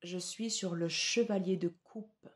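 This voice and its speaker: A woman giving a tarot reading to her viewers, slow and hesitant with many fillers. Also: on the low side, fairly even intonation. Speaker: tarot reader.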